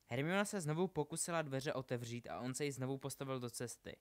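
Guy reading a story out loud, mid pitch, steady, slows down sometimes. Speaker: reader. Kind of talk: audiobook narration.

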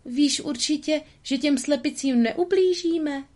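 A woman's voice: warm tone, lightly acted. A woman reading a storybook aloud and voicing a timid, well-bred young female pet dog in a hesitant, anxious way. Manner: hesitant, anxious, raised pitch. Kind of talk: storybook narration.

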